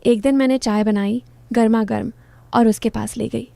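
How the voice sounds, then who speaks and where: Young woman in her 20s narrating her own story, kinda high but mellow voice, short teasing lines, dry close sound. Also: fairly even intonation, normal speed, creaky, dry recording. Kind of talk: first-person story narration.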